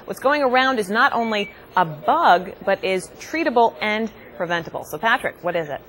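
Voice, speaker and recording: A woman's voice: mid-range voice, animated, moderate pace, fairly bright tone. American woman anchoring TV news. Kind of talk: scripted news introduction.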